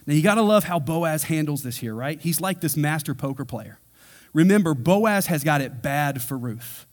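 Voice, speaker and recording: A man's voice: a little high, expressive, normal speed. A man preaching a verse-by-verse sermon in a casual, conversational way, acting out quotes in everyday voices. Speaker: pastor. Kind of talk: expository sermon.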